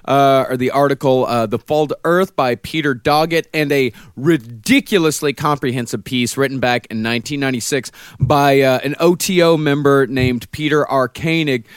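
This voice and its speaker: A man co-hosting a comedy podcast, presenting his research and citing sources in a measured way. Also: mid-range voice, clean tone, dry recording, clean studio sound. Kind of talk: casual chat, presenting research.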